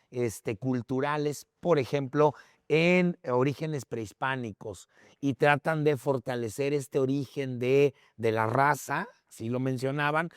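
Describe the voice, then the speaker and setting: A man with a Mexican accent speaks as a podcast guest, explaining history in a conversational, teacherly way and checking in with short tag questions. His medium-pitched voice is clear and resonant. The recording is clean studio audio with no room sound.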